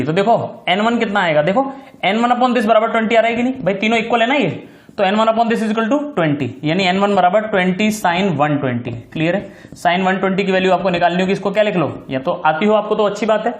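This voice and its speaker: A man teaching a physics lesson, his voice sitting high for a man. He walks through each step, repeats the key points and checks again and again that his students follow. The sound is roomy and echoey, like a classroom. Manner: affectionate address to students. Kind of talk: recorded classroom lecture.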